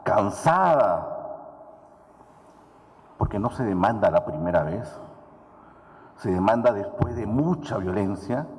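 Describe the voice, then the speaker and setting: A man of middle pitch speaks as a judge addressing an audience. His phrasing is dramatic and repetitive, with slow, weighty pauses. A long hall reverb trails every phrase. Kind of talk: public speech telling a personal story. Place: large event hall.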